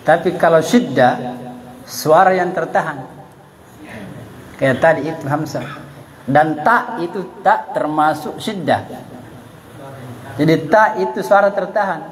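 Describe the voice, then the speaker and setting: A man's voice: on the high side, measured pace, long pauses, a crowd in the background, low-quality recording. A man with an Indonesian accent teaching a Quran recitation class, explaining patiently and sounding out letters aloud as examples.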